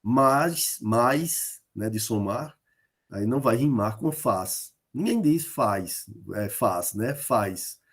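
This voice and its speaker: Male lecturer from Northeast Brazil, mid-pitched, halting explanatory delivery with frequent fillers. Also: expressive, breathy edge. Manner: halting, many fillers and tag questions; explains with spoken word examples. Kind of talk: online lecture on rhyme in folk poetry.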